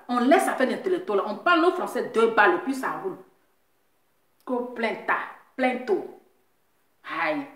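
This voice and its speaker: A woman mocks and teases in a casual rant, laughing between her jabs and repeating herself. Her voice sits high and swoops up and down with lively energy. The room around her rings with a noticeable echo. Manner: teasing, repetitive, laughing as she talks. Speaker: social media commentator. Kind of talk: mocking casual rant to viewers.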